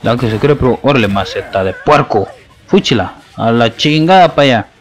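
Mexican gamer guy, mid-pitched, mocking opponents as he plays; live gameplay commentary. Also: lively intonation, normal speed. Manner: taunting, playful trash talk at opponents.

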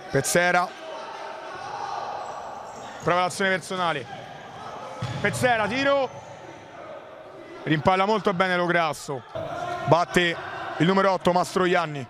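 A man giving excited futsal match commentary in clipped play-by-play bursts, breaking into shouted goal calls. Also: a little high. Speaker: sports commentator. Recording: noisy indoor sports hall ambience.

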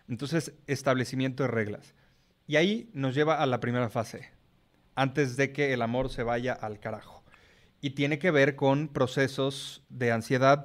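A middle-aged man with a Mexican accent explains himself frankly in a casual podcast chat. His voice sits in a middle pitch, and he swears now and then without any fuss. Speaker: podcast guest.

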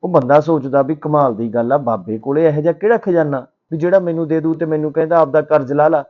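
A man's voice: fairly high pitch, fast talker, narrow, tinny audio. Man telling a motivational story.

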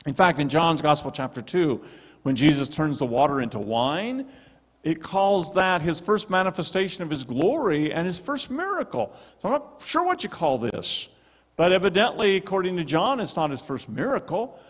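A middle-aged male pastor preaches with an emphatic, animated delivery into a handheld mic. His voice sits a little high and swings widely in pitch. The sound carries a long church-hall reverb. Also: normal speed. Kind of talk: sermon. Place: church sanctuary with stone wall and projection screen. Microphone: handheld microphone.

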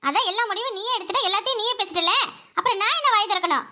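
A very high, quick cartoon wife, voiced by a woman, in a Tirunelveli Tamil accent. She is young, wounded and reproachful, pleading with her husband and turning defiant. Her lines come in fast, squeaky bursts. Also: bright, forceful tone, heavily acted. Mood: hurt. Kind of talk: cartoon voice acting.

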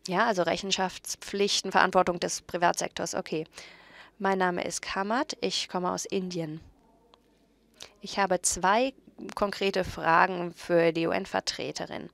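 A woman working as a simultaneous interpreter at a conference panel, relaying several speakers in a steady voice and often correcting herself mid-phrase. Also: on the low side, a little slow, vocal fry, no room sound.

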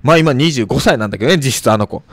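A man's voice: mid-range voice, expressive, rapid-fire, fairly bright tone, dry recording, clean studio sound. A man hosting a radio show, chatting casually and laughing at his own mistakes. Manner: laid-back, self-mocking, laughs often. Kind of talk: casual chat. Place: radio studio.

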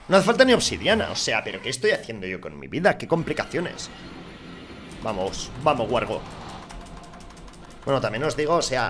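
A young man with an accent from Spain, commenting on his own gameplay, swinging between excited shouts and low muttering, swearing often. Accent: Spanish from Spain. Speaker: gaming youtuber.

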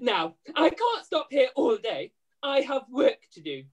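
A woman acts a pantomime dame, a poor put-upon laundry widow. The voice is high and swoops widely, with exaggerated, plaintive delivery aimed at an audience. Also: big pitch swings, unhurried, heavily acted. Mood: brisk, scolding. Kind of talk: hammy pantomime acting. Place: room at home, video call.

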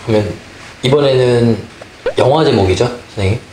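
A woman co-presenting and playing guesser in a party game, throwing out quick guesses and short repeated answers. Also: rumbling low, echoey room, background noise. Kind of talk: casual game-show banter.

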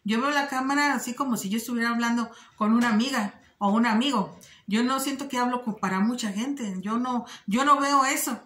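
A woman with a slightly high voice speaks earnestly to her viewers in a casual vlog. She talks directly to the audience and often stops on little fillers as she thinks. The room is noticeably roomy and echoey around her. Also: fairly quick, fairly bright tone. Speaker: vlogger giving advice. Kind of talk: casual direct-to-camera talk.

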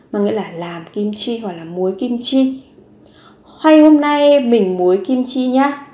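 A woman with a somewhat high voice gives a vocabulary lesson. She reads each word and example sentence aloud and repeats it slowly and carefully. The room sounds echoey. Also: a little mellow. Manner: slow, careful repetition of words and sentences. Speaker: Korean language teacher.

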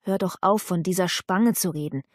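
A woman's voice: on the low side, normal speed, no room sound, lightly acted. A woman reading an audiobook, voicing a young noblewoman of about nineteen who presses questions anxiously. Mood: urgent questioning. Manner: urgent questioning.

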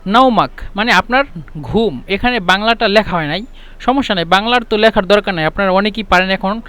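High-voiced man teaching phrases. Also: sharp tone. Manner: repeats phrases slowly, then explains them. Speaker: Arabic teacher. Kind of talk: spoken language lesson.

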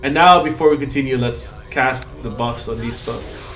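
A man's voice: medium pitch, moderate pace, a bit bright, soft background music. A man casually commentating on a fantasy role-playing game as he plays. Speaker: gamer presenting a playthrough. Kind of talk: casual game commentary, reading dialog aloud.

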